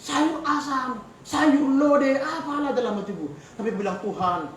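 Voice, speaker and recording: Animated joking preacher with Batak accent. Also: male voice, extremely high pitch, normal speed, distant mic. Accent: Batak Indonesian. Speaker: pastor. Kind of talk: humorous sermon. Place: church hall. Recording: echoey church hall from afar, faint noise.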